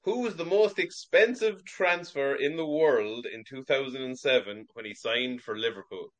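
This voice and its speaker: A man hosts a sports quiz over a video call. He reads each question at a measured, steady pace and keeps score plainly. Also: medium pitch, muffled recording. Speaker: quiz master.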